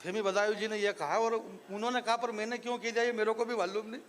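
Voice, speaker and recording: A man's voice: high-pitched, fairly even intonation, fast talker, fairly bright tone, slight background noise. A man from Marwar performing as a stage poet, mixing joking asides with rising declamation at a live event. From Marwar, Rajasthan. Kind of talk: live poetry recital with banter. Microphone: stage microphone.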